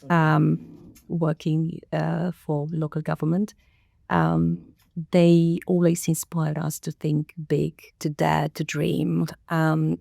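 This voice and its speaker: A middle-aged woman from Romania, a council director speaking as a podcast guest in a measured, thoughtful way with many pauses. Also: sits low, gravelly, dark tone, no echo, studio quality. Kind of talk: podcast interview.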